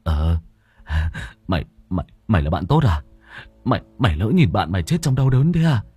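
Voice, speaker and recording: A man's voice: sing-song, moderate pace, dark tone, husky, no echo, soft background music, full character voice. A man voicing a vicious shape-shifting demon that taunts, begs and curses in an audio story. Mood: mocking taunt. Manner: taunting, then shrill wailing and cursing.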